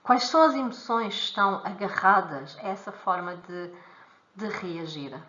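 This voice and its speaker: A woman's voice: mid-range voice, animated, normal speed, sharp tone, muffled recording. European Portuguese woman teaching in an echoey room. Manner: explains step by step, acts out little dialogues. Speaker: emotional freedom technique teacher. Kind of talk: weekly live-stream teaching.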